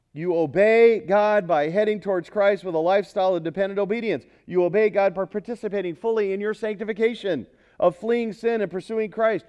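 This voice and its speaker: Emphatic high-voiced male preacher. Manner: emphatic, swings from loud exhortation to quiet earnestness; asks the congregation questions. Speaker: pastor. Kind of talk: sermon.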